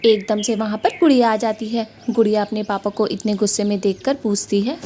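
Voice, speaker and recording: A woman's voice: medium pitch, steady tone, brisk, dark tone, a little hiss or hum. A woman narrating a cartoon story in a plain storytelling manner.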